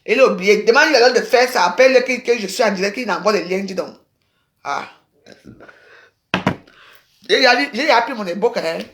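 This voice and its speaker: A woman, chatting on a casual phone livestream in an excitable, rambling way with sudden exclamations. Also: mid-range voice, brisk, long pauses, a little hiss or hum. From Cameroon. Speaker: live streamer. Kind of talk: casual Facebook live chat.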